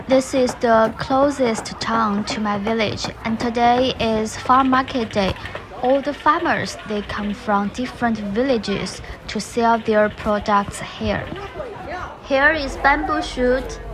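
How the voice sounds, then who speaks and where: A woman's voice: a little high, slow pace, noisy background. A young woman from rural Sichuan with a Chinese accent, guiding a walking tour and explaining things plainly. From Sichuan, China. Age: young adult. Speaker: tour guide. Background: background music.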